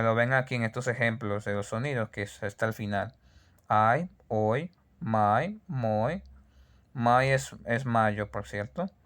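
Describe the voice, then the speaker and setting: Slow, patient male language teacher. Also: mid-range voice. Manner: patient, repeats words slowly for learners.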